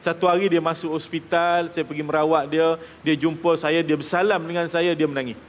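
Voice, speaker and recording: Malaysian Malay preacher in a reverberant hall. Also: male voice, a little high, little pitch movement, a little fast, slight background noise. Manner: addresses the audience directly, asks checking questions; acts out quoted people in his stories. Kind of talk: religious talk to a live audience. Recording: reverberant hall with faint ambience.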